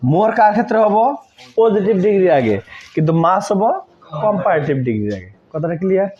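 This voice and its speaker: A man's high-pitched voice comes through very animated and quick as he teaches English grammar. He keeps repeating key words and checks that the students understand, all on a dull lo-fi recording.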